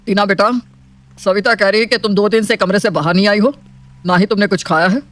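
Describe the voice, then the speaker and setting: A woman voicing a strict, proud, wealthy middle-aged father in an animated storybook, scolding and commanding. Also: medium pitch, brisk, close to an everyday voice. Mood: lecturing.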